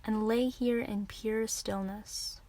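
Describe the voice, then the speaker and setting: A yoga teacher with a slightly high, steady voice guides a relaxation meditation. Her instructions come slowly, soft and calming.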